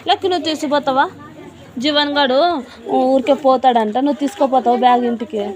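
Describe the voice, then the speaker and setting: A high-pitched woman, scolding a child in a teasing way. She is a tuition teacher, and a crowd of children can be heard clearly in the room around her. Her voice carries over the noise. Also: steady tone, fast, darkish tone.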